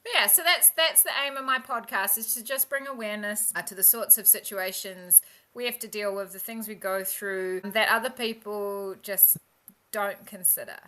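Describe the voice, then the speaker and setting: A woman guest, a maritime professional, chatting frankly and telling lively stories in an interview. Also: medium pitch, normal speed. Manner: lively storyteller who acts out quoted people; frank and candid. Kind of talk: casual interview chat.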